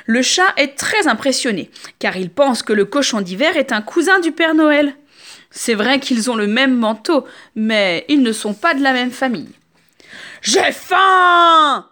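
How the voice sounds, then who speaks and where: A woman reading a children's picture book aloud in an expressive, sing-song way. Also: high voice, normal speed. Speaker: storyteller.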